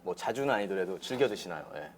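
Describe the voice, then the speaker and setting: A man's voice: low voice, expressive, fast talker, slight background noise. A man hosting a casual talk show, chatty and playful, leading the questions.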